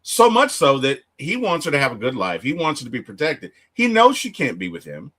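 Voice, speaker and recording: A man hosting a casual movie review chat, retelling the plot with animated storytelling and acting out the characters' lines. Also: mid-range voice, a little fast. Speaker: movie review podcast host.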